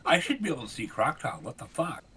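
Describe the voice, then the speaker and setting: A man's voice: mid-range voice, sing-song, quick pace. A man playing a tabletop game, talking casually and swearing freely. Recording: noisy background.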